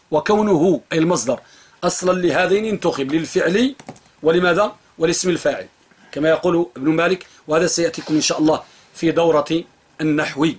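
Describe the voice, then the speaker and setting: A man with a somewhat high, breathy-edged voice teaches a jurisprudence lesson in a classroom. He repeats phrases and drills his students with questions.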